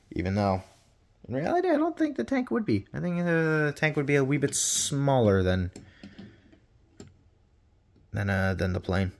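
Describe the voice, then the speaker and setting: A man's voice: on the low side, a little hiss or hum. A man chatting casually through a toy review with playful swearing, his voice carrying a noticeable room reverb.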